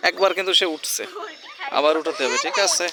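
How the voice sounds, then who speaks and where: A man's voice: on the high side, fast talker, a crowd in the background. A man vlogging casually while coaxing and scolding a small child. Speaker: vlogger and parent. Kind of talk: casual handheld vlog talk.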